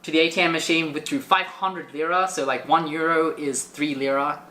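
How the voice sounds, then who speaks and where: A man telling a travel story in casual chat, animated and full of filler words. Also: on the high side, normal speed, echoey room. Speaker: guest storyteller.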